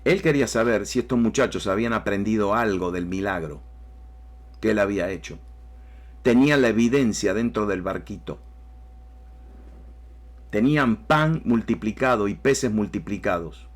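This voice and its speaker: A man's voice: on the low side, lively intonation, moderate pace, long pauses. A man preaching a sermon emphatically, with rising bursts and repeated phrases. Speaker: pastor.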